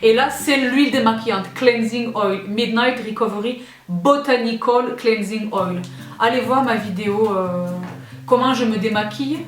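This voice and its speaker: A woman's voice: a little high, moderate pace. Gushing woman vlogger in her thirties. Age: 30s. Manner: gushing and excitable, squeals. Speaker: beauty vlogger. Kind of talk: casual chat unboxing products. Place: indoors, seated. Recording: roomy echo with faint music.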